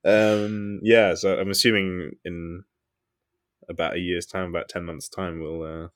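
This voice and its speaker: A man's voice: low voice, little pitch movement, unhurried, fairly bright tone. Frank, laughing man chatting. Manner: frank, swears freely, laughs often. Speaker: podcast co-host. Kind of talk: casual chat.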